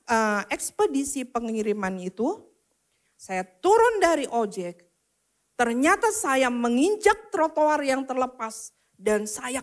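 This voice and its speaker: A woman preaching a personal testimony, swinging from loud declarations to hushed whispered prayers. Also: high-pitched. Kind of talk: testimony sermon.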